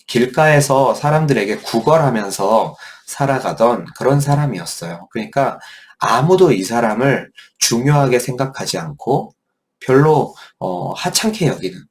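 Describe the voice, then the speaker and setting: Lively middle-aged pastor teaching children. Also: male voice, mid-range voice. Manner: animated storytelling that asks children questions. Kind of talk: children's Sunday school Bible lesson.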